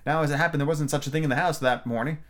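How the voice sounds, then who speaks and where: A man voicing an anxious, childlike old storybook queen, fussy and rambling in a high voice. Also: steady tone, very fast, fairly bright tone, lightly acted.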